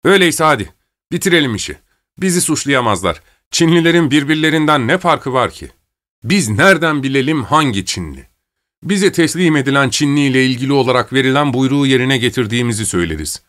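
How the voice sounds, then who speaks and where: A man's voice: mid-range voice, animated, fast, a bit bright, pitched above the performer's own voice, close to an everyday voice. A man voicing a boastful, stubborn German overseer in a spoken story, talking brusquely and insistently.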